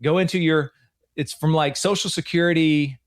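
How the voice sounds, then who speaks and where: A man's voice: a little high, steady tone, normal speed. A man in his forties, a financial advisor hosting a show, talking in an earnest, chatty way and often repeating himself. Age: 40s. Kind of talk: casual radio-show chat.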